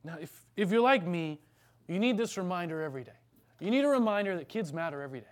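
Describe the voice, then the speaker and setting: A man's voice: sits high, lively intonation, quick pace. A man preaching an earnest, emphatic sermon as pastor, then leading a prayer in church.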